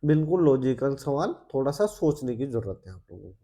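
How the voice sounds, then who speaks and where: A man's voice: mid-range voice, big pitch swings, a little fast. A Hindi-speaking man with an Indian accent, teaching exam maths step by step. He keeps asking his students questions and mutters his working half to himself. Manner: coaxing, asks the students questions as he works; loud, then muttering calculations under his breath. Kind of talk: solving maths problems step by step.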